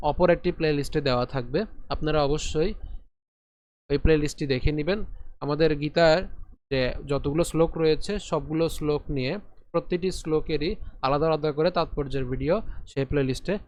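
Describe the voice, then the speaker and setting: A man's voice: a little high, steady tone, fairly quick, long pauses. A man teaching Sanskrit pronunciation, reciting syllable by syllable and then explaining patiently with rhetorical questions. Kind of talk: recorded recitation lesson.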